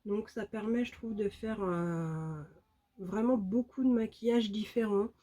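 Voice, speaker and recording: In an unhurried, warm, mid-range voice, a woman makes casual, enthusiastic makeup-vlog chat with her viewers, her speech loaded with fillers.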